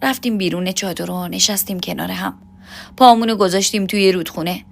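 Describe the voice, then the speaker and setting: A woman narrates a first-person love story for an audio podcast. She recounts it softly and intimately, in a voice of ordinary pitch. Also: vocal fry.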